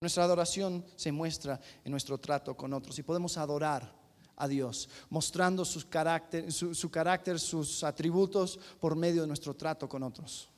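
A man preaching a sermon in a lively, animated way, acting out quoted people and swinging from loud to hushed. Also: fairly high pitch, moderate pace. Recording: reverberant hall.

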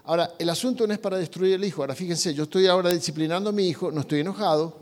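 A man's voice: high-pitched, very fast. A man preaching on parenting, talking to the congregation with many rhetorical questions. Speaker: pastor. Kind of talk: sermon on parenting. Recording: long reverb in a hall.

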